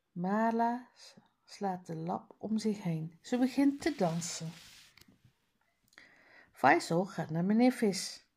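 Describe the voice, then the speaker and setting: Lady slowly reading a kids' book out loud, careful, announcing page numbers. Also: medium pitch. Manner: slow, careful, lesson-like reading with word drills. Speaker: reader. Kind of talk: reading a children's book aloud.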